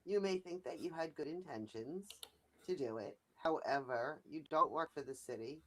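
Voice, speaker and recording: A woman's voice: deep voice, moderate pace, a bit bright. Woman on a breaking-up call line. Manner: insistent and argumentative. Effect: bad connection, voice breaking up. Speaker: caller on a live stream. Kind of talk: heated call-in argument. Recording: noisy, crackly call line with clicks.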